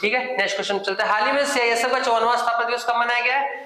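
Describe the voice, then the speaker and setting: Bright high-voiced man teaching, echoey room. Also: steady tone, very fast. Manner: question-and-answer drilling, repeats answers; informal asides and jokes. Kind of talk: current affairs quiz lesson.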